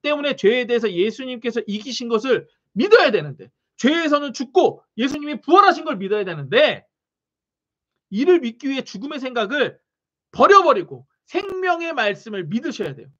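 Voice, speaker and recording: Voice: high-pitched, brisk, lo-fi sound. A pastor preaching a sermon, often asking the congregation questions. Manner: animated, asks the congregation questions.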